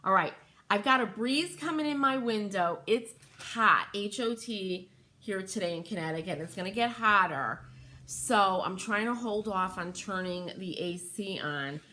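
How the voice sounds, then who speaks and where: A woman's voice: medium pitch, expressive, moderate pace, pushed and bright. Chatty woman hosting a craft livestream. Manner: chatty, greets viewers by name, thinks aloud. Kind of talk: casual livestream chat while stenciling. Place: home workroom by an open window.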